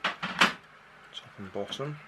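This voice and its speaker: Sitting at a kitchen table, an older man casually talks through a hobby build, stretching out his words. He explains each step plainly and without hurry, correcting himself along the way. The recording is very noisy.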